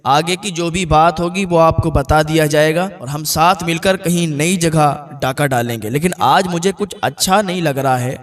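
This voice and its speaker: A man's voice: on the high side, few pauses, close to an everyday voice. Man playing a remorseful bandit boss, earnest and pleading, mic kinda far. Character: remorseful adult male bandit chief.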